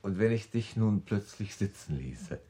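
A sinister fiancé speaks slow and mocking in a 1960s radio drama. His voice sits very low with a husky, breathy grain. He sounds calm, cold and quietly menacing. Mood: coldly taunting.

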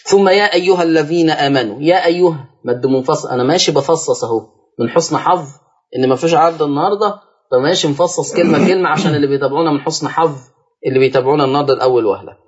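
Again this Egyptian Arabic speaker teaches Quran recitation over a lo-fi broadcast, quizzing listeners, supplying the answers, and drawing words out slowly to show how they sound. His voice sits a little high with a breathy quality.

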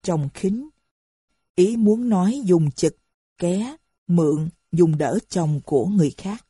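Dark, husky-voiced woman narrator. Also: on the low side, takes it slowly, no echo, clean studio sound. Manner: steady reading with added footnotes. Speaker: audiobook narrator. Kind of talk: storytelling narration.

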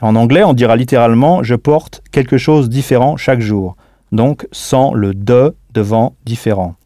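A man's voice: mid-range voice, moderate pace, dark tone, no echo. Patient male language teacher, dry studio sound. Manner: patient, spells out words letter by letter and prompts the listener. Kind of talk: recorded audio language lesson.

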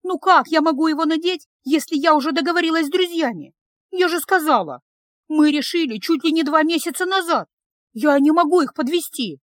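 A woman voicing an emotional young healer girl, pleading with a high, tearful voice. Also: normal speed, dry recording, studio quality, close to an everyday voice.

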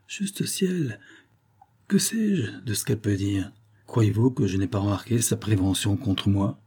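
A man's voice: fairly low pitch, lively intonation, moderate pace, mellow, slightly rough. A man voicing a tense young husband who speaks urgently and commandingly.

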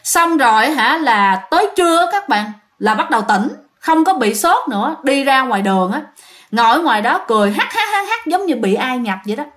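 A woman's voice: high-pitched, lively intonation, brisk, fairly bright tone. A woman with a Southern Vietnamese accent telling a ghost story, chatty and talking straight to her listeners. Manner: chatty, addressing listeners directly.

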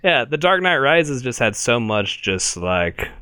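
A man's voice: mid-range voice, measured pace, clear, resonant tone, no room sound. A man hosting a podcast, chatting casually about movies and correcting himself as he goes. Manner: animated, self-correcting. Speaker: podcast host. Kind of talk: casual chat.

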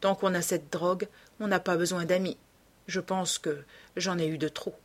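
A woman's voice: on the low side, fairly even intonation, moderate pace, natural voice. A woman voicing a listless, ruined young man who speaks in sighs and murmurs. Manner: sighing and murmured.

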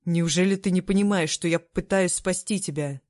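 A woman voicing a fiery young princess raised on the steppe, who bursts out loudly and tearfully. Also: fairly low pitch, moderate pace, no room sound, clean studio sound, lightly acted. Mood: distraught. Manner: loud, heated, sobbing outbursts.

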